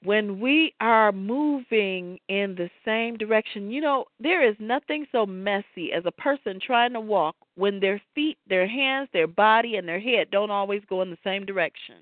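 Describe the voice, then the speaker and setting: A woman talks through her thoughts on faith at an unhurried pace, wandering a little and laughing easily along the way. The sound is thin and phone-like, with no room echo. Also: mid-range voice, expressive. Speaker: podcast co-host. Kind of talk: casual faith talk. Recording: tinny phone-like line, dry.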